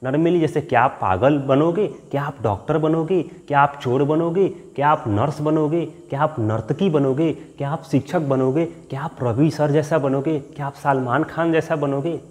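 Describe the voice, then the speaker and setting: A man teaching an English grammar lesson, explaining patiently, dictating example sentences slowly and often checking that students understand. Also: a little high, darkish tone, big-room sound. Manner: checks understanding with repeated questions.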